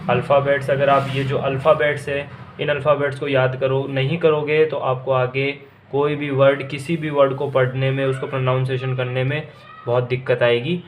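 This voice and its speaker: A man's voice: mid-range voice, level tone, normal speed, slight background noise. A man teaching a language lesson to students, patient and repetitive, stretching out key words. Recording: echoey room with faint ambience.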